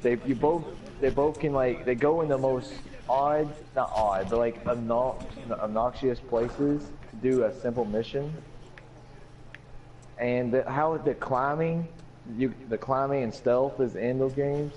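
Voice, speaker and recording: A young man chatting casually on a gaming podcast, his voice mellow and dark in tone. He rambles, restarting sentences and filling gaps with "uh" and "like". A faint hiss of noise sits under the recording. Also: medium pitch, unhurried. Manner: rambling, many fillers and restarts. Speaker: podcast co-host.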